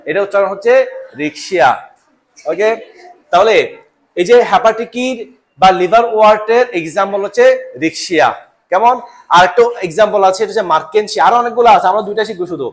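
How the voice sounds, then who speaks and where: A young male biology teacher lectures to a room of students. His voice sits notably high. He drills each term over and over and keeps asking whether the class understands. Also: fairly quick, long pauses. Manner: repeats terms and keeps checking understanding.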